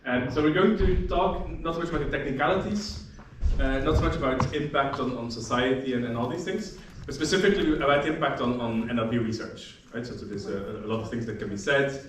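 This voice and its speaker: A man introduces a panel discussion at a workshop, joking loosely and restarting sentences often, his mid-range voice moving fast. The lecture room is very echoey, with a distant mic and faint noise.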